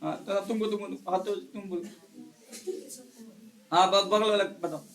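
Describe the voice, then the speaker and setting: Man, high-pitched voice, chemistry teacher, quizzes students, scolds talkers, echoey classroom. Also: steady tone, a little slow, gravelly. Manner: quizzes students one by one, scolds and hushes them.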